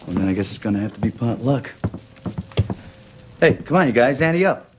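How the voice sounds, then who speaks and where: A man's voice: medium pitch, animated, moderate pace, close to an everyday voice. An American man acting a genial, wry soldier who runs the room like a gambler at a card table. He drawls and teases in a folksy way. Some background noise and clicks sit on the film soundtrack. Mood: teasing, goading. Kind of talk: film drama dialogue.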